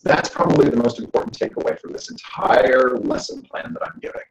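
A man giving a joking, animated lecture to an audience as a guest speaker. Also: mid-range voice, brisk, vocal fry, roomy sound, low-quality recording. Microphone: camera.

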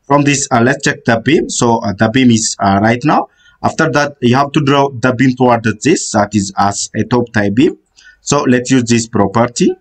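With a mid-range voice, a man talks viewers through a screen-recorded software tutorial. His step-by-step directions come out haltingly, peppered with "uh."

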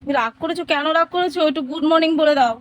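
Brief: quick, higher-voiced woman, family vlogger, sing-song coaxing. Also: muffled recording. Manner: coaxing, sing-song talk to a small child. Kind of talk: casual family vlog to viewers.

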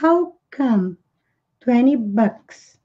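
A Brazilian Portuguese-accented woman teaching an English lesson, explaining phrases and repeating the English lines slowly before translating them. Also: on the high side, expressive, dull audio. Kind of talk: language lesson.

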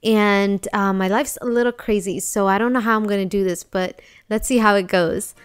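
A woman's voice: medium pitch, steady tone, normal speed, smooth. Chatty young woman from Nepal. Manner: chatty, frequent ums and uhs. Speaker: YouTuber. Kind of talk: casual storytelling voice-over. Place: voice-over over whiteboard drawing.

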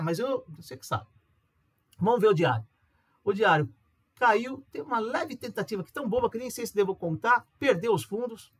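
A man with a Brazilian Portuguese accent gives a casual, chatty tutorial on reading charts as an amateur trader. He checks in with listeners using quick tags and acts out their questions. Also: high voice, husky. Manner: acts out viewers' questions in a livelier voice. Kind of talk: casual screen-recorded tutorial.

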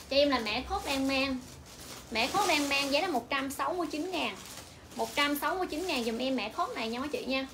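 A woman's voice: high voice, noisy background. A young woman with a Vietnamese accent selling clothes on a livestream, repeating prices and sizes over and over. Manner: repetitive, rapid-fire price calling. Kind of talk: livestream sales pitch.

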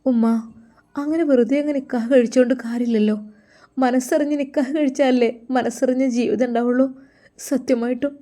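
A woman's voice: steady tone, a little fast, natural voice. Woman voicing a lovesick, stubborn young woman. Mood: pleading. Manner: pleading, higher and softer.

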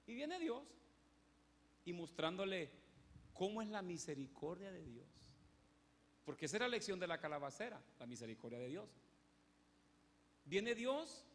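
A man's voice: sits high, vocal fry, a bit bright. A man preaching a sermon in a church, telling a story with emphasis and acting out its characters. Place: church hall. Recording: echoey church hall.

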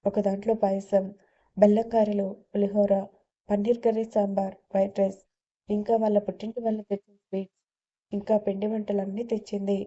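A woman narrating a story, reading every character in the same even voice. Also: medium pitch, brisk. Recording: dull lo-fi recording.

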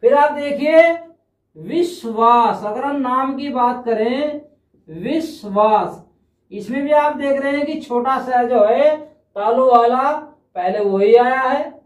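A male teacher giving a patient classroom-style grammar lesson. He repeats his points, checks in after each step, and sounds out examples slowly. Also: very high-pitched. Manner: demonstrates sounds aloud slowly. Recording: echoey room, mic set at a distance.

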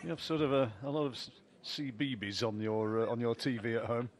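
A man commentates live on darts in a middle-pitched voice. He follows the play in short observations and slips into light banter with a colleague. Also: fairly quick. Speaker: sports commentator.

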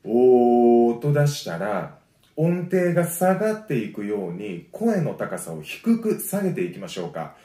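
A man teaching a voice lesson. He gives friendly, encouraging explanations and breaks them up with sustained low sung vowels. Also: huge pitch swings, normal speed, warm tone. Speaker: voice trainer. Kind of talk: vocal lesson. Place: home. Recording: roomy echo.

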